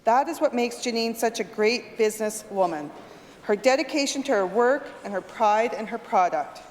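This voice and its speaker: Fairly high-voiced Canadian woman reading a tribute. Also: expressive, normal speed, darkish tone. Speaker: legislator. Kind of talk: formal prepared tribute. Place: large indoor legislative chamber. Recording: reverberant chamber with faint noise.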